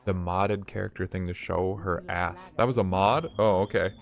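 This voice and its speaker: A man's voice: low-pitched, steady tone, moderate pace, vocal fry. A man streaming a video game, rambling and thinking aloud in casual commentary, swearing now and then.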